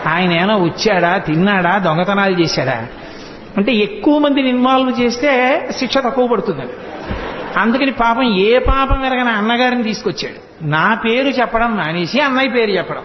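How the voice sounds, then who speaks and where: A man's voice: high voice, moderate pace, slight background noise. A man giving a devotional discourse, telling the story with animation and chanting verses in a sing-song tone. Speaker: spiritual discourse speaker. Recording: echoey hall, dull lo-fi sound.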